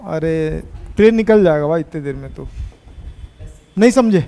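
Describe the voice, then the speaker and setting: A man teaching a physics class, teasing his students and pushing them to answer quickly. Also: fairly high pitch, lively intonation, vocal fry, mellow, in a large hall.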